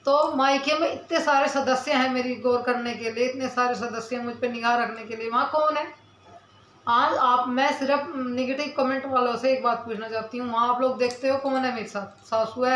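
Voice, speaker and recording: A woman's voice: a little high, moderate pace, a bit bright, roomy sound, slight background noise, poor audio. A young woman vlogger talking to camera, earnestly answering her viewers' comments and defending herself while in some pain from her mouth. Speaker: village vlogger.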